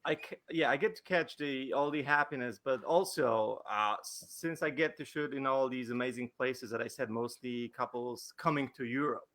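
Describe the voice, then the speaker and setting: A man's voice: mid-range voice, moderate pace, hardly any pauses, a bit bright. A male wedding photographer answering interview questions over a video call, hesitant, with many fillers and restarts.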